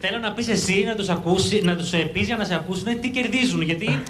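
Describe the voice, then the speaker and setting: A man's voice: high voice, fairly bright tone, slight background noise. A man working as a street reporter for live television, approaching passers-by outdoors with jokes and showman-like chatter.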